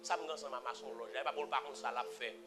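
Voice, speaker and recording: A man with a Haitian accent preaching a sermon, repeating phrases and swinging from low murmurs to loud emphatic cries. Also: fairly even intonation, racing. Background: music.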